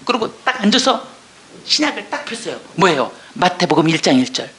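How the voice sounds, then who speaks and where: A woman's voice: on the low side, brisk, echoey room. An older woman giving an emotional church testimony, sighing and exclaiming, sometimes dropping to a whisper. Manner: emotional, animated, exclaims and sighs.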